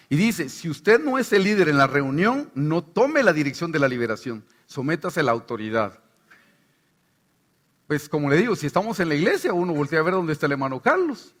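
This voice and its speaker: A middle-aged Guatemalan pastor with a Guatemalan Spanish accent preaches a sermon, his voice sitting a little high. He tells stories in an animated way, acting out the voices of the people in them.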